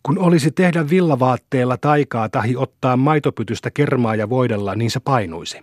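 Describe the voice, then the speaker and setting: A man's voice: mid-range voice, darkish tone, no echo, studio quality, lightly acted. A man voicing an eager young village boy. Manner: eager, wondering questions.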